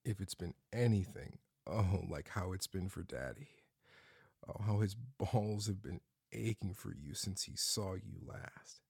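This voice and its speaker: Slow, gravelly, murmuring man. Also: low-pitched, no echo, clean studio sound. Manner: soft, murmuring, frequent hums and sighs; slips into breathy whispers. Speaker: audio roleplay performer. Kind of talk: intimate whispered roleplay.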